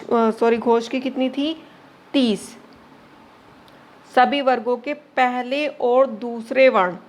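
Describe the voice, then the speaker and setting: A woman teacher with a slightly higher voice leads an exam-prep grammar lesson. She asks rhetorical questions and answers them herself, checks in with short confirming tags and mixes English words into her explanations.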